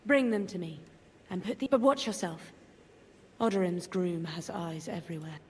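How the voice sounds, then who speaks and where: A woman voicing a composed, commanding noble lady in a game, with a measured, cool manner. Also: fairly low pitch, lightly acted. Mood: scheming. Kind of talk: game dialogue acting. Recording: echoey hall, faint background noise.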